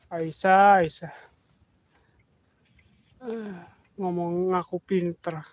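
A man hosting a live stream, scolding a commenter in a teasing, repetitive way. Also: high voice.

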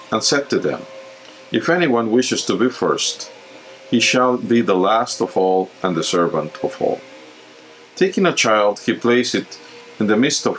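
Man in his fifties, deacon, low-pitched, earnest, measured, webcam recording, faint background hiss. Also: a bit bright, rough recording. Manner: earnest, measured, with halting restarts. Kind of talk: gospel reading and homily. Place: small home chapel room with icons.

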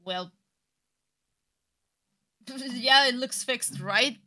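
A woman's voice: on the high side, drawn-out words, bright, forceful tone. A woman chiming in from the side of a live stream, playful and teasing, then soothing her frustrated partner. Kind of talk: casual chat in the background.

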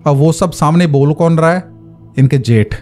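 A man's voice: fairly high pitch, normal speed, darkish tone, soft background music. A man narrating a horror story in a casual, conversational way, stopping to explain with asides.

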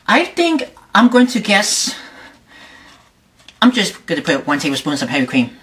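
Lower-voiced woman hosting a home cooking demo. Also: big pitch swings, a bit bright, a little hiss or hum. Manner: halting, loose phrasing with restarts. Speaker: home cooking show host. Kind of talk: casual cooking demonstration. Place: home kitchen.

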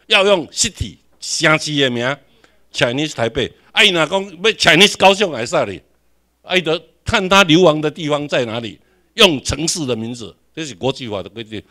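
A man's voice: a little high, sharp tone. A man with a Taiwanese accent giving a classroom lecture, questioning the audience and repeating his points.

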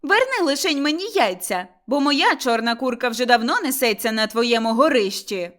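Woman doing a screaming angry village wife in an audiobook, high and all over the place. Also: sing-song, normal speed. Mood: defiant. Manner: shrill shouting. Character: furious quarrelsome young village wife.

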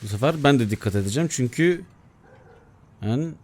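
A young man giving excitable let's-play commentary, muttering to himself and bursting into shouts. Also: medium pitch, normal speed. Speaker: gaming YouTuber.

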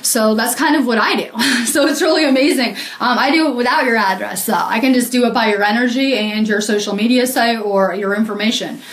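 A woman's voice: a little high, brisk, reverberant. A woman healer talking casually to viewers on a live video, earnest and rambling with many ums and frequent laughs.

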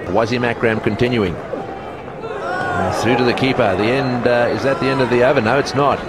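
A man giving live TV cricket commentary, excitable and exclaiming at near misses. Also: medium pitch, brisk. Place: commentary box at a cricket ground. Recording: broadcast with loud crowd and noise.

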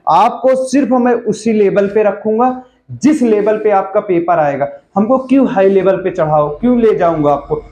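A man leads an online revision class, reading out each quiz question and then hammering the answer home twice. His voice sits high, and his tone stays informal and coaxing, like a coach pushing students through a drill. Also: darkish tone.

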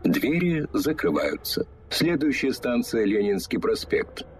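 A man with a Russian accent giving formal, measured metro announcements over a train public-address loudspeaker. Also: very animated. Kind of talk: recorded transit announcements. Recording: noisy train interior. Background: rumbling train noise.

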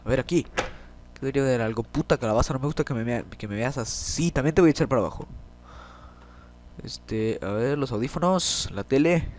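Un hombre resfriado y congestionado, con acento mexicano, comenta una partida de videojuego; maldice y grita cuando se asusta. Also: male voice, medium pitch, fairly quick, a little mellow, slight background noise. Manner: jittery, swears, yelps when startled. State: has a cold, congested. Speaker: gameplay commentator. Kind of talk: let's play commentary. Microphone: desk microphone.

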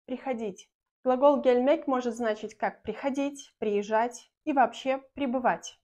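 A young woman from Belarus explains a language lesson straight to the camera. Her slightly high voice stays clear and patient. She talks from close range in a small indoor room. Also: mellow. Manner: clear, patient, slows down to model example sentences. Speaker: Turkish language teacher.

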